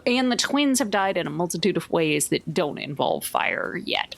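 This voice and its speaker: A woman with a low, gravelly voice plays a tabletop roleplaying game, chatting casually at normal speed. She's animated and wry, reasoning aloud as she works through the actual-play session.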